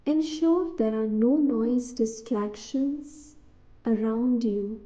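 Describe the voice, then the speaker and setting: Reading a scripted guided meditation, a woman speaks in short, soothing, deliberate phrases with pauses between them. Her voice is on the high side and warm in tone, and the recording sounds muffled.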